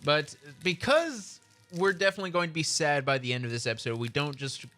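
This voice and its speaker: Man, podcast co-host, bright voice, rambling casual chat, faint music behind. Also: on the high side, brisk. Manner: rambling, restarts, self-correcting.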